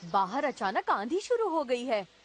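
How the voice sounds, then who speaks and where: A woman's voice: a little high, sing-song, a little slow, a little hiss or hum. A woman voicing a spirited, teasing boy ninja in a cartoon dub, in a singsong, exclaiming manner. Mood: matter-of-fact. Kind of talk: Hindi cartoon dub acting.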